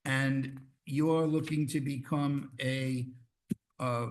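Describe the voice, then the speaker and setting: A man chairing a town council meeting in a council chamber, brisk and informal. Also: medium pitch, level tone.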